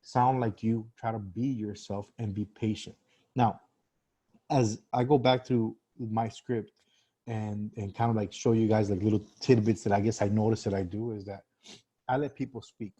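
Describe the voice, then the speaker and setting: A man's voice: fairly low pitch, fairly even intonation, normal speed, dark tone, husky. A man teaching sales in a casual live-stream talk, conversational with many fillers and restarts. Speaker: sales trainer.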